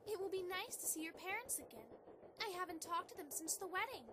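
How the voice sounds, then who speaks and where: A woman's voice: very high voice, expressive, a little fast. A woman playing an affectionate, playful young married pony princess in an amateur audio drama, earnest and sweetly coaxing. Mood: warm, playful. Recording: clearly noisy amateur microphone recording.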